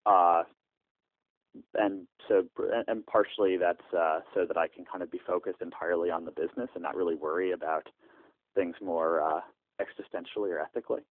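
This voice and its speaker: Deep-voiced man on a tinny landline phone. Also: steady tone, dry recording. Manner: halting, frequent "uh" fillers and restarts. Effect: heard over a landline phone. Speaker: startup founder interviewed by phone. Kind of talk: phone interview answers.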